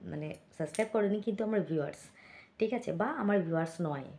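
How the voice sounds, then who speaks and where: A woman's voice: mid-range voice, quick pace, gravelly, darkish tone. A woman vlogger chatting casually to her viewers, reading comments aloud with many fillers and asides. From Bengal.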